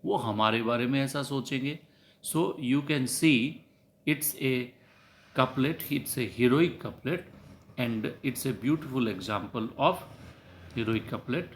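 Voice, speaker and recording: A man's voice: medium pitch, extremely slow, a little hiss or hum. A middle-aged man with an Indian English accent giving a recorded college literature lecture, explaining each point again in Hindi. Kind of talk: recorded lecture over slides.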